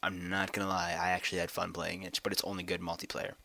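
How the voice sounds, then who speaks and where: A man's voice: low-pitched, completely flat delivery, fast talker, gravelly, sharp tone, dry recording. A young man co-hosting a casual gaming podcast, joking around and laughing often. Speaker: podcast co-host.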